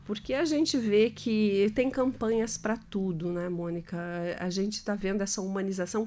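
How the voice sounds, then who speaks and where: A woman's voice: mid-range voice, a little mellow. Woman radio host, friendly studio chat, easy mid voice. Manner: chatty, friendly, often adds tag questions. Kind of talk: live radio talk show. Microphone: studio microphone.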